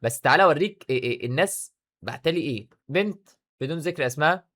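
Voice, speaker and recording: A man with an Egyptian accent, talking excitedly in a casual commentary vlog. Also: on the high side. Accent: Egyptian Arabic. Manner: excitable, rapid-fire talk. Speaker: YouTuber.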